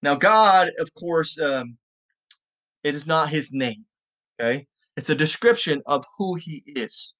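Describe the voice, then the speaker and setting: A man teaching the Bible on a podcast, reading verses slowly and deliberately, then explaining them in a conversational way, often checking in with "okay?". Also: on the high side, a bit bright.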